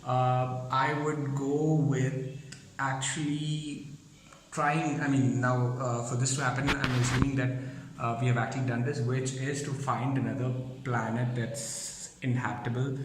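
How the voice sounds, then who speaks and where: A man's voice: mid-range voice, level tone, measured pace, background noise. Rambling man in an echoey room. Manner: rambling, many fillers and restarts. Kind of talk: casual video answer. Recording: very echoey room, faint ambience.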